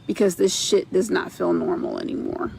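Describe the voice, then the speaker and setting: A man with a high, extremely gravelly voice vents to camera in a clip, weary and frustrated. He speaks in a flat, level tone over a faint hiss. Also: moderate pace, rough recording.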